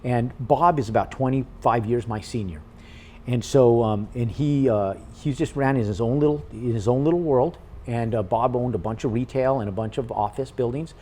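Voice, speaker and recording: A man in an interview who tells his story casually, animated and with casual swearing. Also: mid-range voice, normal speed, a little hiss or hum. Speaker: podcast guest, real estate investor.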